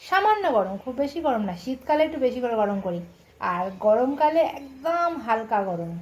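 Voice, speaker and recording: A middle-aged woman with a Bengali accent, chatting quietly and casually to her viewers in an early-morning home vlog, keeping her voice low so the family can sleep. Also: very animated, normal speed, poor audio. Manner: soft-spoken, chatty, talking quietly so as not to wake the household. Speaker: vlogger.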